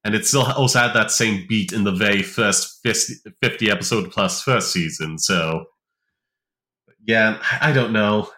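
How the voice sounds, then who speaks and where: Low-ish guy with a bright edge, rambling podcast chat, lots of likes and ums. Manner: rambling, filler-heavy, quick bursts. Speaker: podcast co-host. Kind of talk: casual chat.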